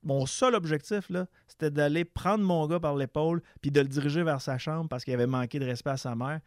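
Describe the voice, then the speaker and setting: A Québécois man, a father, telling a personal story in a casual discussion, halting and stumbling over words. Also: fairly high pitch, no echo, clean studio sound. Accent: Québécois French.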